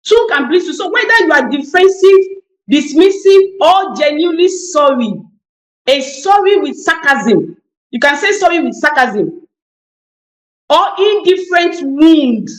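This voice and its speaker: A woman's voice: sits high, expressive, measured pace, reverberant, poor audio. A woman on a TV panel discussion, speaking emphatically and repeating key phrases for weight. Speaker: talk show panelist.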